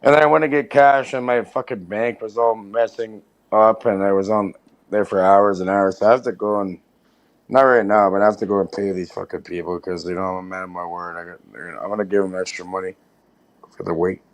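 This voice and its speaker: A man's voice: lowish voice, steady tone, fairly quick, rough recording. A man in his thirties in a casual podcast chat, talking loosely with lots of swearing and "you know". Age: 30s.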